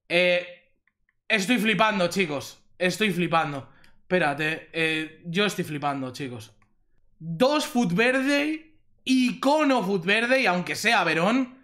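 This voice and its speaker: A Spanish-accented young gaming YouTuber from Spain, his voice fairly high, provides eager commentary while opening packs. He tends to repeat himself and exclaims at every good pull.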